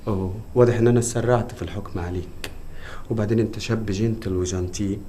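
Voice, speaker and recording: A man's voice: on the low side, steady tone, quick pace, dark tone, slight background noise, close to an everyday voice. An actor playing a haughty, sarcastic woman who is flirty yet prickly, with an Egyptian accent. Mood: snippy. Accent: Egyptian Arabic. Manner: snippy, sarcastic.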